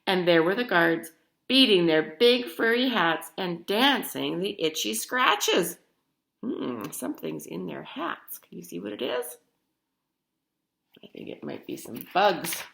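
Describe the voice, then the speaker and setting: A woman with a low, gravelly voice reads a children's picture book slowly and expressively. Her animated delivery includes questions aimed at her young listeners.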